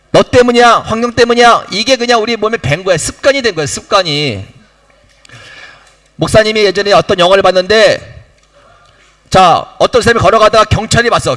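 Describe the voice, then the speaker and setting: A man's voice: high voice, fairly bright tone. A middle-aged man, the pastor, preaching to his church, repeating key phrases for emphasis and putting questions to the congregation. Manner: acts out short dialogues in his own voice. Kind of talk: sermon. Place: church sanctuary.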